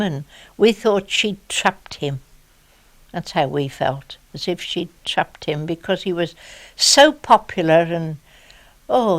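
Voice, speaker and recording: An older woman from the Birmingham area shares her memories in a relaxed, chatty way. She talks like someone telling a story at home, acting out the voices of people she once spoke with. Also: lowish voice. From England, Birmingham area. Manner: chatty, warm storytelling with re-enacted dialogue. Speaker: interviewee. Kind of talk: reminiscing oral history interview.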